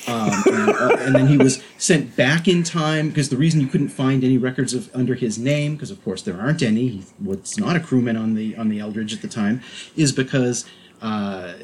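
A man co-hosting a podcast, speaking in an easy mid-range voice. He rambles and gets animated, stacking restarts and fillers as he talks. Faint noise hums behind him. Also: medium pitch, moderate pace. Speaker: podcast co-host. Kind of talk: casual chat.

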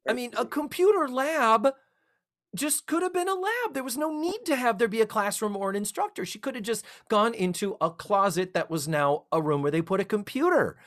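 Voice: medium pitch, brisk. A middle-aged podcast co-host in casual chat, retelling a TV episode in a rambling way and acting out the characters' lines. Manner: animated, rambling storyteller who acts out quotes.

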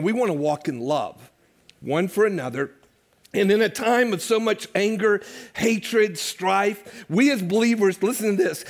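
Older man, pastor's sermon, high voice, chatty and joking with the congregation. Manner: conversational, jokes with the congregation. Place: church sanctuary.

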